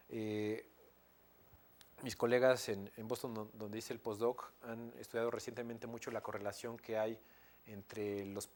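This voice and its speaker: A man's voice: on the low side, a little mellow, slight background noise. Hesitant male lecturer with a Mexican accent. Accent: Mexican Spanish. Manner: hesitant, many fillers and restarts, frequent tag questions. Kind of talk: academic lecture.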